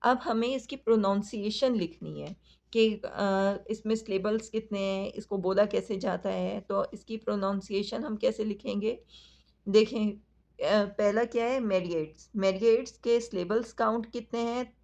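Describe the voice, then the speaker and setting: A woman teacher with a Pakistani accent, patiently explaining a lesson to children, talking slowly and addressing them directly. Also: mid-range voice, fairly even intonation, vocal fry, a little mellow. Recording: dull lo-fi recording.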